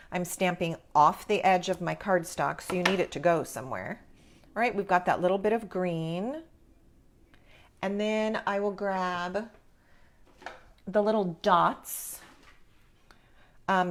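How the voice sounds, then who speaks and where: A woman hosting a live craft tutorial, talking informally and encouragingly as she explains each step. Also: on the low side. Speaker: craft class host.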